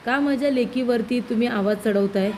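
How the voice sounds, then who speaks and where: A woman's voice: fairly high pitch, fairly quick, warm tone, slight background noise, natural voice. A woman reading out the lines of a sensible wife who reasons and reproaches her husband. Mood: reproachful. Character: sensible wife and mother, calm but firm.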